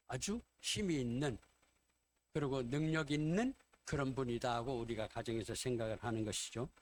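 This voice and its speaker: A man's voice: medium pitch, a little hiss or hum. A man pastor preaching a sermon in Korean, retelling scenes and acting out the quoted dialogue.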